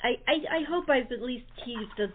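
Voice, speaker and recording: A woman with a slightly high voice talks a little fast, with some hiss or hum over thin, narrow phone-line audio. A talk show host and radio-play producer, she chats casually in an enthusiastic, chatty way.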